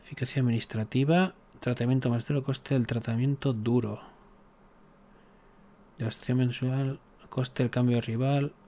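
Speaking at a moderate pace with a warm tone and fairly even intonation, a male gaming YouTuber walks through his strategy game let's-play style. His middle-pitched voice carries chat, jokes, and exasperated jabs at the game.

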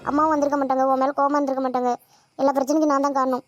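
A woman's voice: high voice, little pitch movement, rapid-fire, lo-fi sound, soft background music, natural voice. A woman voicing a young female college student in a cartoon, apologetic and pleading. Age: young adult. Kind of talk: animated cartoon dubbing.

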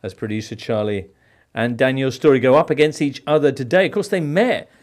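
A man's voice: medium pitch, brisk. A man hosting a football quiz on a podcast, reading questions in a playful, theatrical way. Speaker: quiz host.

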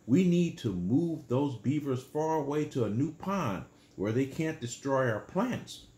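A man's voice: mid-range voice, expressive, unhurried, dark tone, reverberant, natural voice. A man reading a picture book aloud, voicing an adult who wants the beavers moved away. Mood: firm.

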